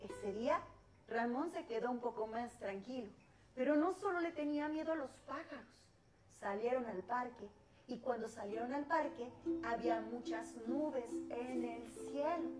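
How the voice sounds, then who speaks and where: A woman's voice: a little high, normal speed. A woman with a Mexican accent telling a children's story expressively. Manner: expressive and animated. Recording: echoey room with ukulele music.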